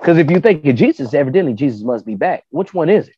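A man's voice: a little high, fast, breathy edge, dry recording. A man in casual podcast chat, telling stories and arguing his point by acting out both sides of a conversation. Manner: animated, argumentative storytelling with quoted back-and-forth. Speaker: podcast panelist. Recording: dull lo-fi podcast audio.

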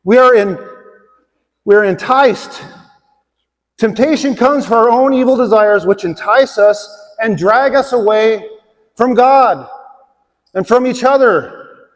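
A man's voice: sits high, lively intonation, slow pace, pauses often. A middle-aged man preaching a conversational sermon to a congregation in a large church auditorium, asking them direct questions. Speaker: pastor. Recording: long hall reverb.

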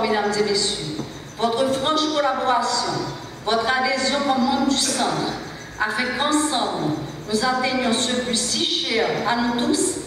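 Older woman, measured formal speechmaker at a podium; roomy hall, distant mic, some noise. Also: fairly high pitch, a bit bright. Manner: measured, formal, reading from notes. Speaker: center founder giving opening speech. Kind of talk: formal speech read aloud. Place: large hall stage at a lectern. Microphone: lectern mic on stand. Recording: echoey hall from far off.

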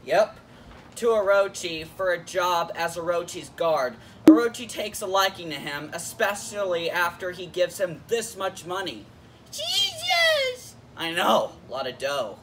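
A man's voice: sits high, moderate pace, fairly bright tone, distant mic, a little hiss or hum. A man hosting a casual YouTube episode review in a jokey, playful way. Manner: jokey, playful, switches into silly voices.

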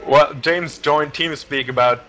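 A man's voice: fairly high pitch, fairly even intonation, unhurried, music in the background. A man co-commentating a live racing stream, reading out standings in rambling play-by-play with jokey asides. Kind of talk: casual race commentary.

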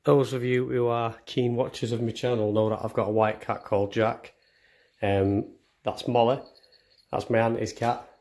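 Walking from room to room indoors, a young vlogger films a house tour on a handheld phone camera. His mid-range voice is level and somewhat dark, at a moderate pace, and his talk is chatty and self-deprecating.

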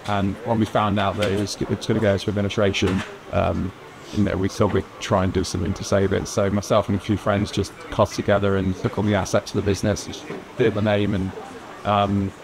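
On a lapel mic amid clear outdoor street noise, a brewery owner from Lyme Regis in southern England talks at a quick pace with a low, level voice. He's in his thirties with a southern English accent, and in this courtyard interview by a stone wall he chats informally about his local business, hedging with "kind of" and "you know".

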